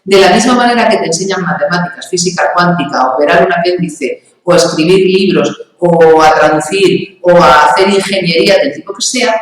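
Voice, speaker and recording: A woman's voice: lowish voice, a little fast, hardly any pauses, heavy reverb, recorded from a distance, rough recording. A woman with an Andalusian accent, from Andalusia, speaking as a communication and public speaking trainer in an interview, emphatic and didactic, using examples and rhetorical questions. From Andalusia, Spain. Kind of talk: explanatory interview talk.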